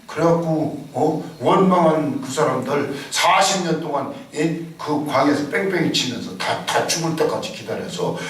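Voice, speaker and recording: Male pastor preaching hard, kinda high voice, big echoey church, mic far away. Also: expressive, moderate pace, hardly any pauses. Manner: emphatic, with rhetorical questions to the congregation; dramatic, sometimes shouting. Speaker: senior pastor. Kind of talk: Sunday sermon. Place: church sanctuary. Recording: echoey hall, distant mic.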